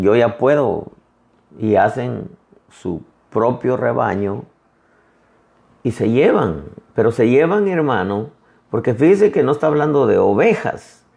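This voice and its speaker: A male pastor preaching a sermon in a conversational way, often calling his listeners brother and retelling conversations in lively quoted voices. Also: mid-range voice, gravelly.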